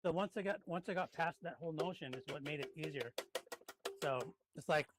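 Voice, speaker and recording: A man's voice: a little high, brisk, over music. Chatty man rambling over dinner. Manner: rambling, restarts with fillers while explaining. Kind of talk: casual chat over a meal.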